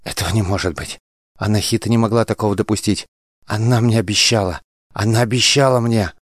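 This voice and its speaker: A man's voice: deep voice, steady tone, measured pace, no room sound, clean studio sound. A man voicing an imperious royal princess who rules and accuses, reading for an audiobook. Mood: frantic. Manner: commanding, accusing.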